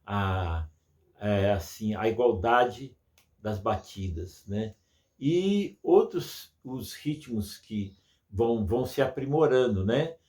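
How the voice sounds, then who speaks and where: A man's voice: lowish voice, animated, slow pace, darkish tone. A man teaching music to children, patient and full of diminutives, imitating sounds as he explains.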